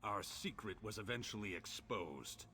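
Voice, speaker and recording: A man's voice: fairly low pitch, lively intonation, measured pace, crowd noise. An actor playing an ancient imprisoned orc in a fantasy game, bitter and lovelorn, telling his tale in solemn, archaic, theatrical speech. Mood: sorrowful, bitter. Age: old. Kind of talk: dramatic fantasy game dialogue.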